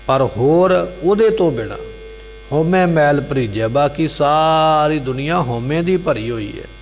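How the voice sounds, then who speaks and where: A man's voice: on the high side, expressive, a little slow. A man expounding scripture as a preacher in a gurdwara, in short repeated phrases with rhetorical questions. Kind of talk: devotional scripture exposition. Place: gurdwara hall. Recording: long hall reverb, faint hum.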